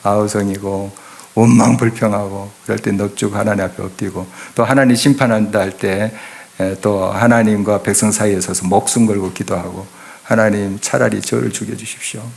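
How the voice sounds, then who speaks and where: A middle-aged man preaching in a church, speaking emphatically and often turning to his listeners with questions. His voice sits on the low side, and he delivers the sermon with steady conviction. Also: normal speed, vocal fry. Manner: emphatic, rhetorical questions to the congregation. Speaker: pastor. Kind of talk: expository sermon. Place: church sanctuary.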